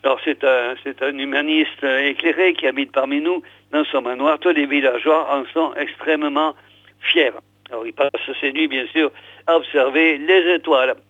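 A man's voice: fairly high pitch, steady tone, normal speed, no echo. An older man hosting a radio show and reading a book aloud, hesitating often with fillers. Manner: hesitant, full of "alors" and "euh". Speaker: radio host. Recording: tinny phone-like radio sound, dry.

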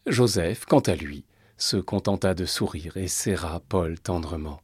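A man narrating a storybook in a measured, steady reading voice. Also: sits low, breathy edge, dry recording, studio quality.

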